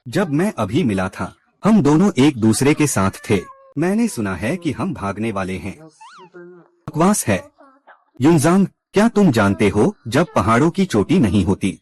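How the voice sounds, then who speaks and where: A male narrator runs through a short drama, delivering every character's lines in one scripted read. His pitch is mid-range and swings widely from line to line. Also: darkish tone, husky. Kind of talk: scripted recap narration voicing all characters.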